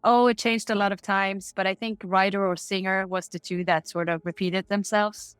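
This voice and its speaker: A woman's voice: medium pitch, fairly even intonation, normal speed, smooth, no echo, soft background music. A middle-aged woman from Norway with a Norwegian accent, answering interview questions in a candid, upbeat way over a remote call. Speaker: guest.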